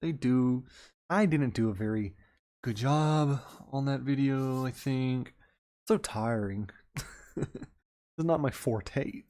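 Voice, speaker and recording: Guy hosting a stock market livestream, reads the news out then rambles on about it, middle-pitched, easygoing. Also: darkish tone. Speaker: investing livestream host. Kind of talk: casual live-stream commentary.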